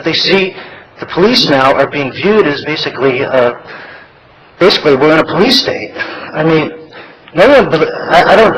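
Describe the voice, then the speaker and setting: A man's voice: mid-range voice, a bit bright, rough recording. An American man giving impromptu public comment at a meeting, stumbling, repeating himself and breaking off words. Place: public meeting room, speaking to a board.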